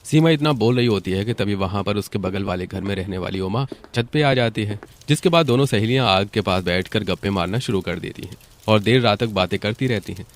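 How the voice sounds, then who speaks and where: Low-voiced man narrating a cartoon. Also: brisk, hardly any pauses.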